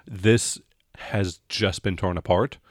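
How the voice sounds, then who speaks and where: With a fairly low voice and fairly even intonation, a man runs a tabletop role-playing game as game master, assembling his descriptions hesitantly on the fly. The recording is dry and close, with no echo.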